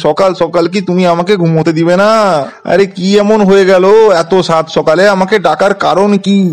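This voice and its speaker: A man doing a blustering village father, somewhat high voice. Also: fairly even intonation, fairly quick, natural voice. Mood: grumpy. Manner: grumbling, boastful bluster. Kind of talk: home doll-play story acting.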